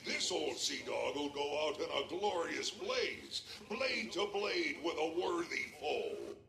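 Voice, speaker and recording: A gruff old fisherman of a pirate, with a gravelly, forceful voice in a roomy echo. He talks in slow, salty, hearty phrases as a carefree video game sea dog. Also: fairly high pitch, big pitch swings, full character voice. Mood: hearty, easygoing. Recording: roomy echo, faint background noise.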